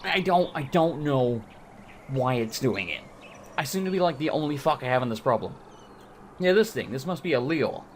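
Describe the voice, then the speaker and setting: A man's voice: mid-range voice, animated, moderate pace, a little hiss or hum. A man hosting a let's play, giving casual, joking gaming commentary with informal, sweary talk.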